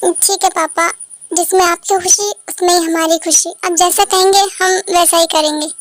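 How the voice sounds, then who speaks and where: A woman voicing a cheeky, dramatic teenage son in a fan dub, high voice. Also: fairly even intonation, moderate pace. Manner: cheeky, exaggerated complaints.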